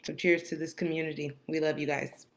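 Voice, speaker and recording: A woman with a low voice leads communion informally. She speaks hesitantly with many "um"s but sounds warm throughout. A faint hiss runs under her voice. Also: flat delivery, brisk, gravelly. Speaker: communion leader. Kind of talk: casual, informal communion talk.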